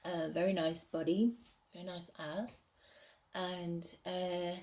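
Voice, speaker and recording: A woman reads from her novel draft and talks it over, hesitant and pausing to rethink her wording. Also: on the low side, flat delivery, darkish tone. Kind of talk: casual reading and commentary.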